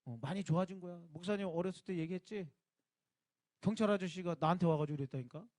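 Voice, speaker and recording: A man's voice: high voice, fast talker, a little mellow, no echo. A male youth pastor giving a casual sermon to teenagers, talking informally and directly with emphatic rising bursts.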